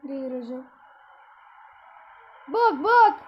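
A woman giving live commentary while playing a mobile football game on a tablet, exasperated, excitable and a little hoarse. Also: high-pitched, slow pace, dull audio, noisy background. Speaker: gameplay vlogger.

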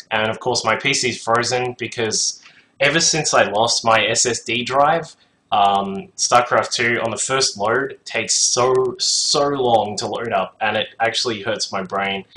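A man's voice: fairly low pitch, pushed and bright, slight background noise, poor audio. A man casting a strategy game match alone from his home computer, chatting casually with many fillers and asides to the chat. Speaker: game caster. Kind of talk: solo esports commentary.

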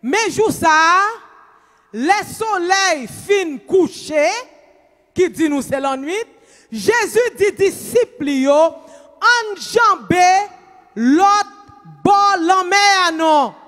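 A middle-aged Haitian woman preaching a sermon in a church, shouting with emphasis into a handheld mic. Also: very high voice, lively intonation, very slow. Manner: emphatic, shouting, switches between Creole and English. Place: church stage, indoors. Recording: long reverb in church hall.

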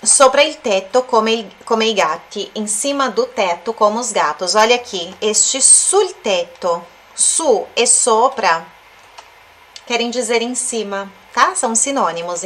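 Lady teaching italian off a song, slow repeats, kinda high voice. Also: fairly bright tone. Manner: explains slowly, repeats words and checks in with tag questions. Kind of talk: language lesson analyzing a song.

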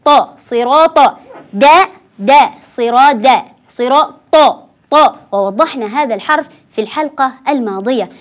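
A woman teaching children Quran recitation on a TV program, patiently repeating words slowly syllable by syllable. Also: high-pitched. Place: TV studio.

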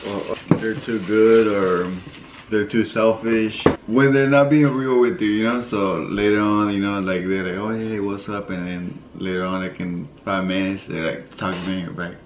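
A man chatting casually with his partner, shy and soft-spoken, with laughs. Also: on the low side, fairly even intonation, moderate pace, a little hiss or hum. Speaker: partner and guest. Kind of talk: casual chat. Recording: echoey room with guitar music behind.

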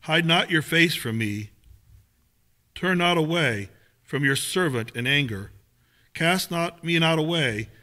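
A man with a fairly high voice reads scripture in a small church sanctuary. His reading is steady and measured, and he sounds picked up from across the room by a distant camera. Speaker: lay reader.

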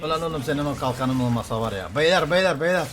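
A man streaming a game live, commenting excitedly, trash-talking opponents and calling out to his viewers. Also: fairly high pitch, quick pace. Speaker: gaming streamer.

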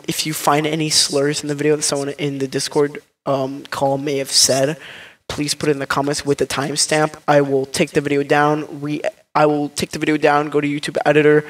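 Guy rambling through a prank call video intro, kinda high voice, lots of ums. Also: recorded from a distance. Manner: rambling and self-correcting, brash on the calls. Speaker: video host making prank calls. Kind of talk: casual chat with filler words.

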